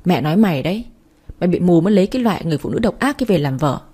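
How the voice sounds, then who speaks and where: A woman's voice: fairly low pitch, expressive, very fast, dark tone, breathy edge. A woman voicing a doting old grandmother who scolds fiercely to defend her grandchild, in a spoken story. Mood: scolding.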